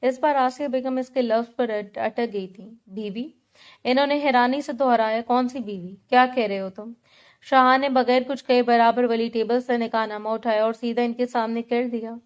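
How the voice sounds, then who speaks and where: A woman's voice: on the high side, fairly even intonation, few pauses, smooth. A woman narrating a love story, reading steadily. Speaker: novel narrator.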